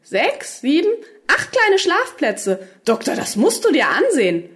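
A skittish young woman who snaps back with cheeky remarks, as a woman reads her. Her lively voice rises and falls freely in this storybook reading. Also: fairly high pitch, a little fast. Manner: jumpy, sassy. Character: nervous, sharp-tongued young woman companion.

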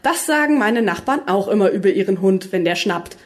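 A skittish young woman who snaps back with cheeky remarks, as a woman reads her. Her lively voice rises and falls freely in this storybook reading. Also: medium pitch, a little fast, natural voice. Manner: jumpy, sassy. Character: nervous, sharp-tongued young woman companion.

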